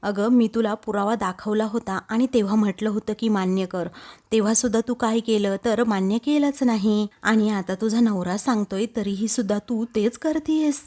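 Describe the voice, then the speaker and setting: A woman's voice: mid-range voice, moderate pace, a little mellow, lightly acted. A woman voicing a young daughter-in-law who earnestly pleads her case to her father-in-law, in a serial recap.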